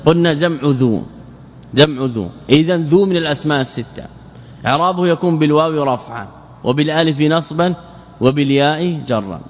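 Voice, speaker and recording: Male grammar teacher, slightly high voice, quizzes the class and drills each rule by repetition; recorded in a reverberant lecture hall. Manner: questioning students and answering himself; repeats key phrases for emphasis.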